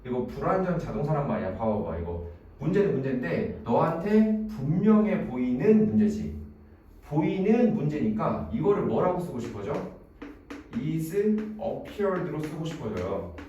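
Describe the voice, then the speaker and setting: A man's voice: fairly high pitch, big pitch swings, normal speed, warm tone, highs cut off. A man teaching an exam-prep English grammar lecture in a classroom, quizzing students by name and using playful memory tricks. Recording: very echoey room, voice from a distance, faint noise.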